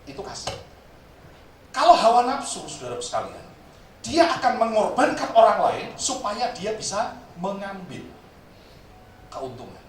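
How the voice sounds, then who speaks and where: Lively joking male preacher, echoey hall. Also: high-pitched. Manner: animated, joking storyteller addressing the congregation. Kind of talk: sermon. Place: church service hall. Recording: very echoey hall, distant mic, faint noise.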